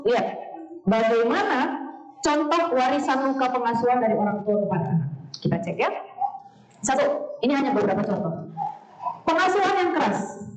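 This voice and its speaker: A woman, giving a lively, blunt talk with humour to a women's study group. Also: on the high side, slight background noise. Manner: blunt, animated, acts out quoted voices, laughs often. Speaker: speaker at a women's study session. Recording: echoey far-off dull sound.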